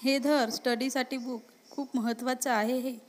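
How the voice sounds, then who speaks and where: A woman voicing a gruff young male college student who scolds bluntly but cares. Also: high-pitched, steady tone, normal speed, close to an everyday voice. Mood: scolding. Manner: scolding, blunt, secretly caring.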